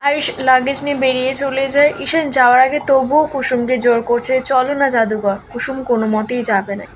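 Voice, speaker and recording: Woman telling what happened in a tv serial, fairly high voice, faint background hum. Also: fairly even intonation, a little fast. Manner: storytelling with quoted lines. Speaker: serial recap narrator. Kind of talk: casual spoken recap.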